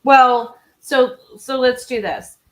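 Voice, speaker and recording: A woman's voice: sits high, fairly even intonation, takes it slowly, rough recording. A woman co-hosting a live true-crime podcast, chatting casually and rambling with frequent laughs. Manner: rambling, giggly, self-deprecating. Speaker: podcast co-host. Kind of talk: casual live-stream chat.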